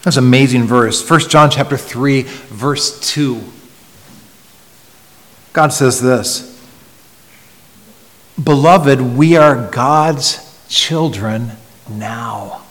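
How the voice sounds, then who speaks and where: Slow, earnest preaching man in a reverberant hall. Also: mid-range voice. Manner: earnest, swings from loud emphasis to hushed near-whisper; repeats words in restarts. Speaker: pastor. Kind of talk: sermon.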